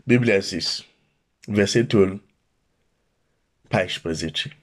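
A man from Romania preaching a sermon, reading Bible verses aloud and then commenting on them with animated emphasis. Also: fairly low pitch.

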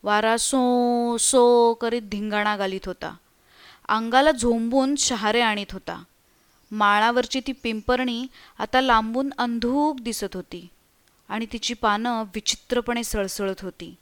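A woman narrating a story in a steady, expressive reading voice. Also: a little high, takes it slowly, clean tone. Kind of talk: scripted narration.

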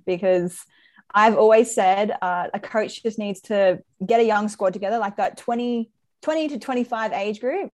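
A woman's voice: mid-range voice, a little mellow. A woman in her twenties with a Queensland Australian accent, chatting informally as a soccer player being interviewed. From Brisbane, Australia. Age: 20s. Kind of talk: casual chat.

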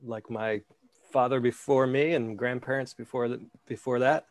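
A guest from New York speaks in a mid-range voice with fairly even intonation and normal speed, with no echo. An amateur baseball pitcher, he tells loose, anecdotal interview stories in a flat in Scotland, filling gaps with hesitations.

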